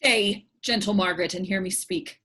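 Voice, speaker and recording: A woman playing a meek, sorrowful, gentle king in a Shakespearean verse drama, with a husky voice. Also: medium pitch, normal speed. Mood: pleading. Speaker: actor in staged reading.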